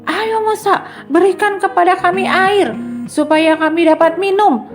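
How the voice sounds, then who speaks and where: A woman's voice: very high-pitched, measured pace, soft background music, pitched above the performer's own voice. A woman voicing an angry crowd of wanderers complaining to their leader. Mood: demanding.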